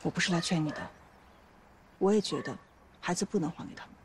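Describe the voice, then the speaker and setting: A woman playing a fast-talking loyal friend. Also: on the low side, a little hiss or hum, close to an everyday voice. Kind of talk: TV drama acting. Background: music.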